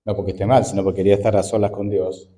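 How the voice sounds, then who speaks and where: A man's voice: low voice, flat delivery, rapid-fire, dark tone. A man in his forties, an Argentine pastor, preaching a conversational sermon full of rhetorical questions. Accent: Argentine Spanish.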